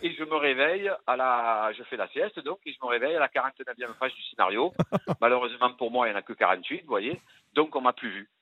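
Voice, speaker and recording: A man with a Marseille accent, an actor telling lively stories in a radio interview, full of fillers and asides. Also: medium pitch, fast talker, no echo. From Marseille, France. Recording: tinny phone-like radio sound.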